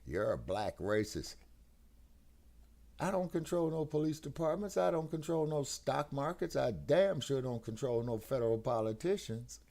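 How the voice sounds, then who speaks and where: An American man co-hosting a talk stream joins a casual political discussion over a video call on a headset, his connection breaking up. His medium-pitched voice is expressive, creaky and mellow at a moderate pace. He preaches emphatically and keeps asking "you see what I'm saying?"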